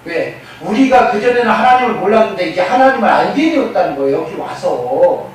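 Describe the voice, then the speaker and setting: A pastor preaching with an unusually high male voice and a constant stream of rhetorical questions to his congregation. He breaks into quoted speech to act out the people in his story. The sound is heavily echoey and distant, as if caught from across a church sanctuary, with faint noise underneath. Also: lively intonation, fairly quick. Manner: acts out quoted speakers in a raised voice. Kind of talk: sermon.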